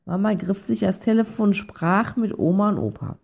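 A woman reading a children's story aloud in a gentle, even storytelling manner. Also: medium pitch, moderate pace, creaky. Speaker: narrator.

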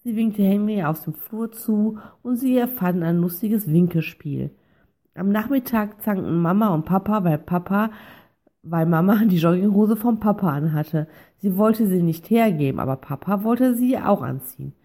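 A woman's voice: medium pitch, moderate pace, warm tone. Woman reading a children's story. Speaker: narrator.

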